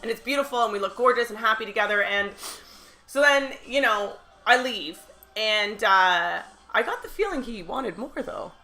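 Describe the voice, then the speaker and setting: A woman's voice: a little high, moderate pace, faint music behind. A woman co-hosting a horror podcast, telling a story in casual, profane chat. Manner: animated storyteller, swears freely. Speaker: podcast co-host.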